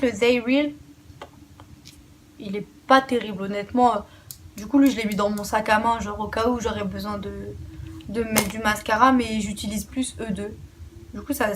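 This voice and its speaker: A young woman talking through her makeup haul in an easy, gushing way, blunt when something disappoints her. Her voice sits a bit high. A faint hum of room noise runs underneath. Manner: chatty, enthusiastic, swears casually and restarts words. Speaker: beauty vlogger. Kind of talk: casual makeup haul chat.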